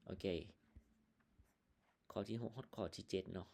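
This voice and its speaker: A male English teacher with a Lao accent, slowly explaining vocabulary and sample answers in a casual online lesson, with plenty of fillers. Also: darkish tone. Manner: slow, explaining words one by one with many fillers.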